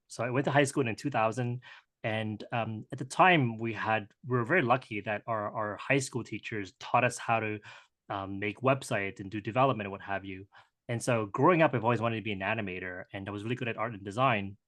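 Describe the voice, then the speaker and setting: Halting, conversational man in his thirties. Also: lowish voice, a bit bright. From Hong Kong, raised in Canada. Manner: conversational, halting with many restarts and fillers. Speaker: guest entrepreneur. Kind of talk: casual interview answers.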